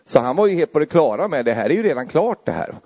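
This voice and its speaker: A man preaching a sermon in a conversational way, often adding tag questions and getting louder and higher as he builds. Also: very animated, lo-fi sound.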